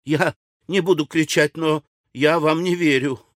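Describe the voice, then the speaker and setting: A male audiobook reader voicing a fussy, anxious older widow who talks in a shrill, excitable way. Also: unhurried, no echo, studio quality, lightly acted. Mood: agitated. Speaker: audiobook character. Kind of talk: audiobook character reading.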